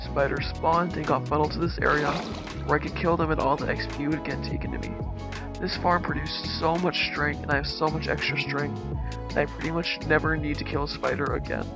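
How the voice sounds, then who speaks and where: A man speaking through a voice changer as he hosts a relaxed, easygoing tour of his game world. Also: on the high side, brisk, vocal fry. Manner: laid-back, easygoing, talks while touring his builds. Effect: voice changer disguising his voice. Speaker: gaming channel host. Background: background music.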